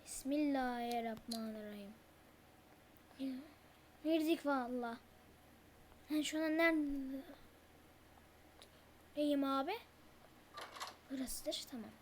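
A young-sounding gamer giving nervous horror game commentary, stammering and muttering prayers to calm down. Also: high voice, slow, long pauses, a little hiss or hum. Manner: mutters prayers when scared. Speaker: gameplay streamer.

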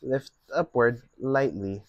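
A young man giving a relaxed, step-by-step painting lesson at his easel. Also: medium pitch, no echo, dull audio. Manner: slow, relaxed step-by-step instruction. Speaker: painting instructor. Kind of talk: painting tutorial.

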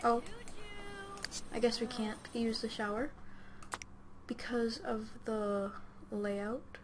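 A woman's voice: a little high, flat delivery, slow pace. A woman with a sore throat giving casual let's play commentary, rambling hesitantly as if talking to herself. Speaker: gaming host. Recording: clearly noisy home recording.

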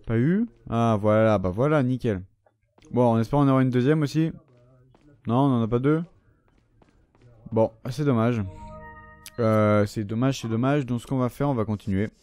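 A man's voice: mid-range voice, moderate pace, long pauses, darkish tone, dry recording, faint music behind. A man giving casual gameplay commentary, chatting loosely, swearing often and talking to the enemies on screen. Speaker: gaming channel host.

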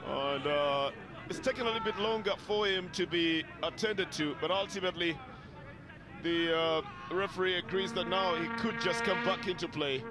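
A Kenyan man commentates live on a football match in a notably high voice. His phrasing is measured and descriptive, with pauses as he works through each passage of play. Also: over music.

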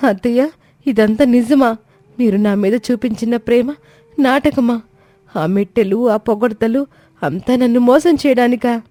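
A woman's voice: on the high side, measured pace, dark tone, no echo, close to an everyday voice. A woman voicing a wronged young daughter-in-law who speaks in a pleading, distressed way. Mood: hurt.

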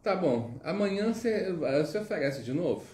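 A devout father who asks his son earnest questions, as a man plays him with a mellow, slightly raised voice. Room echo and faint music are heard under the voice. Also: high-pitched, animated, moderate pace, voice pushed up. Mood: questioning. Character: devout father, puzzled then moved.

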